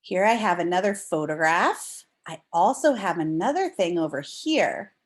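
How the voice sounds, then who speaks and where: With a fairly low pitch and lively energy, a woman teacher reads aloud to young children, using deliberate expression and simple explanations.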